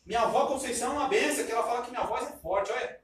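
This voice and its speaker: A man preaching a sermon, loud and emphatic, and he says himself that he talks loudly. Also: very high-pitched, rapid-fire, a little hiss or hum. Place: church sanctuary. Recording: echoey church hall from far off.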